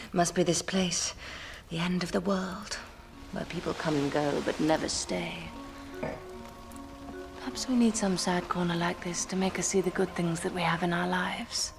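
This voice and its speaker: A woman playing a slow, sultry, eerie woman. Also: fairly low pitch, steady tone, creaky, music in the background. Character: seductive, hungry woman, eerily changed. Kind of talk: audio drama.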